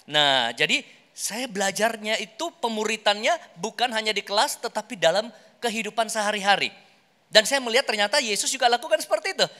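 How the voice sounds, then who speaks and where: Addressing an audience in a big, echoing hall with long reverb, this man preaches a workshop sermon conversationally, acting out little everyday scenes and turning often to his congregation. His high voice is brisk, pushed and bright, with lively intonation.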